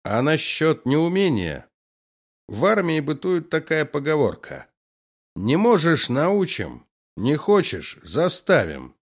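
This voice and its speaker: A man's voice: fairly high pitch, huge pitch swings, slow, voice pushed up, exaggerated voice. Man voicing a scornful stern army colonel. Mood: firm. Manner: sarcastic, scolding, firm.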